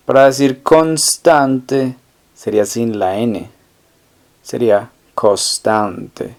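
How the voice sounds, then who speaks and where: A man's voice: medium pitch, a little mellow. A man teaching a language course, asking how to say phrases and then repeating each answer carefully. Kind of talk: slow, deliberate language lesson narration.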